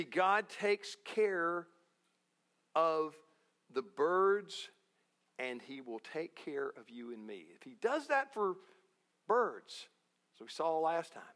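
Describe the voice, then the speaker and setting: Slow, animated folksy male preacher. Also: a little high. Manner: folksy, jokey, emphatic repetition. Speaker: pastor. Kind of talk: sermon.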